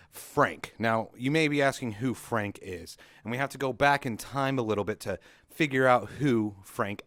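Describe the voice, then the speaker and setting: A man's voice: medium pitch, a bit bright, no room sound. A young adult man hosting a comedic rant vlog, telling a mock-dramatic story with sarcasm in a recording studio. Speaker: vlog host.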